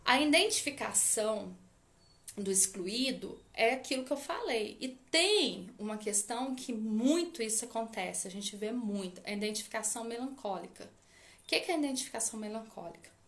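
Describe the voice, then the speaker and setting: High-voiced Brazilian woman lecturing. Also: lively intonation, moderate pace, fairly bright tone. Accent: Brazilian Portuguese. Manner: addresses listeners directly with frequent "tá?" tags. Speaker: family constellation therapist. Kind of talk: informal lecture to an audience.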